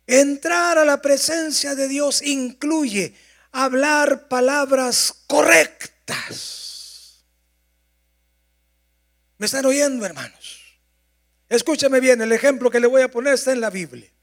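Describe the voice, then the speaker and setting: A male pastor, preaching a sermon with drawn-out emphasis and loud passages. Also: very high-pitched, gravelly.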